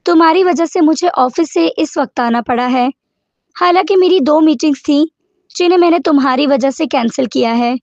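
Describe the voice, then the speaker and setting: A woman's voice: high-pitched, a little mellow, dry recording. A woman reading the lines of a stern, protective young man who scolds, in a dull lo-fi recording.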